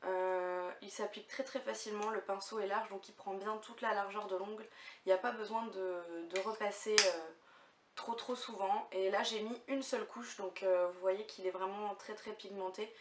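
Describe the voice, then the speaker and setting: A woman's voice: medium pitch, steady tone, moderate pace. A young woman vlogging casually to camera, chatty and hesitant, with lots of fillers. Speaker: beauty vlogger. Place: room at home. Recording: echoey room, mic far off, faint hiss.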